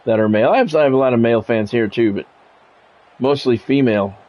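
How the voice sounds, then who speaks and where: Through dull audio, a man with a mid-range voice talks fast while calling sports play-by-play on his live stream. Short announcer-style phrases alternate with easygoing chat aimed at viewers.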